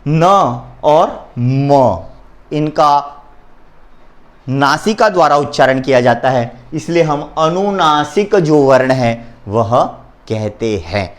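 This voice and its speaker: A male teacher leads a Hindi grammar lesson in a slow, drawn-out way. His voice sits a little high, and he names the letters one by one and addresses his students directly. He often has them repeat after him. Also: animated. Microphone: recording for an online lesson.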